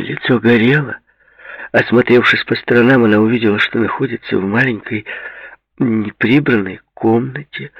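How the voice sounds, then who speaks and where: Gravelly, husky male audiobook narrator. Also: on the low side, no echo, lo-fi sound. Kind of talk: scripted narration.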